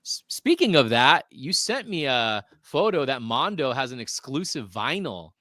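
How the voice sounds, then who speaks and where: A man's voice: mid-range voice, very animated, a little slow, bright, forceful tone, no echo, clean studio sound. A man in his forties hosting a casual collectibles podcast live stream, joking around and reading viewer comments aloud. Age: 40s. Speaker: podcast host.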